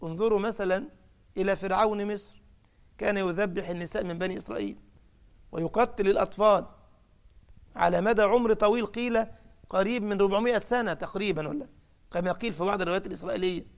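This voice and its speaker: A man preaching a sermon in an Egyptian Arabic accent, his voice sitting high for a man. He tells the story dramatically, raising his voice for the cries he quotes and landing hard on key points. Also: fast talker, long pauses.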